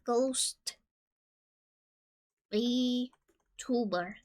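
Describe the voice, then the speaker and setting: A woman from Colombia streaming casually, joking and reading game questions aloud, with sudden loud squeals. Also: a little high, extremely slow.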